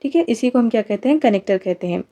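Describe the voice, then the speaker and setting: Woman teacher, Indian English, dark-toned. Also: a little high, animated. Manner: explains in Hindi, reads English examples slowly and asks rhetorical questions; repeats key terms, punctuated by "theek hai". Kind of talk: exam-prep grammar lesson.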